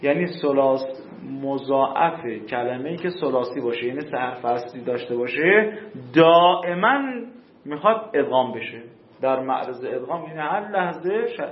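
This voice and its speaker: A male teacher giving a classroom grammar lesson, explaining slowly and repeating rules, with questions for his students. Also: medium pitch, animated, reverberant, lo-fi sound, slight background noise.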